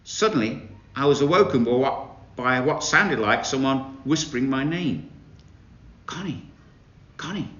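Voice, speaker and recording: A man, a town crier, reading children's stories aloud in an expressive storytelling way. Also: mid-range voice. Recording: roomy, dull recording.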